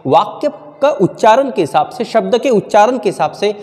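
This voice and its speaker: A man teaches a spelling lesson, drawing words out syllable by syllable. His voice sits a little high and swings widely in pitch. It rings with a long reverb, as in a hall. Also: animated, a little mellow. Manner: repeats words slowly, syllable by syllable; mixes in Marathi phrases.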